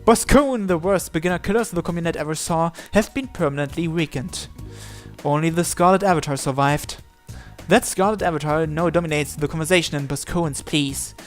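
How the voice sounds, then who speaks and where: A man with a fairly high voice reads a visual novel's story text aloud, line by line and fairly quickly. Now and then he stumbles on a word and repeats it. Background music plays behind him.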